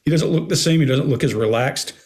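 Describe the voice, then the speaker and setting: A man on a panel discussion giving quick, matter-of-fact observations. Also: medium pitch, a little mellow. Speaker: panel analyst. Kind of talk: casual panel commentary.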